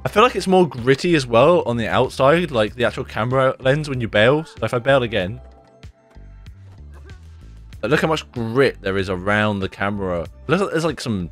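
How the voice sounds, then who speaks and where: Recording from his bedroom at home, this young YouTuber rambles through casual commentary on a game, leaning heavily on "like" and "dude." A lingering sore throat has left his voice lower and slightly rough, though his tone stays fairly bright, his intonation lively, and his pace moderate. Game music plays faintly beneath him.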